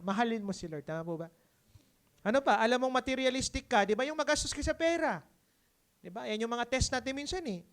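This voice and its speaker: A man with a Filipino accent preaching a conversational sermon. He mixes English into his talk and keeps checking in with the congregation. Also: extremely high pitch. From Philippines. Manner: lively, keeps asking the congregation "di ba?". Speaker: pastor.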